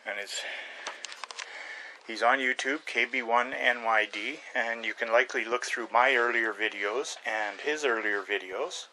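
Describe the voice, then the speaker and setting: Older man, bright voice, halting ramble. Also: medium pitch, a little hiss or hum, poor audio. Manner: rambling, halting, with many uhs and restarts. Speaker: hobby carver and channel host. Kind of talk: casual home video show-and-tell. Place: small room at home with shelves of model trucks. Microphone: webcam close to the face.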